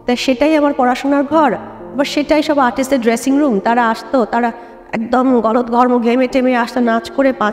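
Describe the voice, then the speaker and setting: A middle-aged woman with a Bengali accent, reminiscing in a relaxed talk-show conversation with many hesitations and restarts. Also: on the high side, big-room sound. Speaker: guest dancer.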